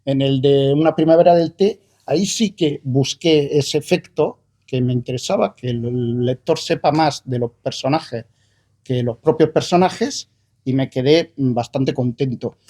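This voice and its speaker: A man talks about his own writing at a book presentation. His voice is warm and mellow, and he thinks aloud with frequent fillers and restarts. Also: mid-range voice, unhurried. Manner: hesitant, thoughtful, many fillers and restarts. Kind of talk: conversational book presentation talk.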